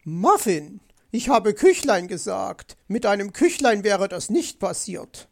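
A storybook narrator voicing Mrs. Magpie, a vain, excitable female magpie who nags and screeches. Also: normal speed, gravelly. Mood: excited. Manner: shrill, nagging.

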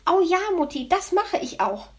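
Cheerful little hedgehog boy, eager and bouncy, voice up high; a woman reads him. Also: big pitch swings, moderate pace. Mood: gleeful. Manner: bubbly, eager, high-spirited.

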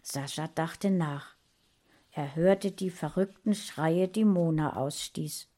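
Female storybook reader, unhurried, low-ish pitch. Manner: slow, even storytelling. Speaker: audiobook reader. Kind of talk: reading a fantasy story.

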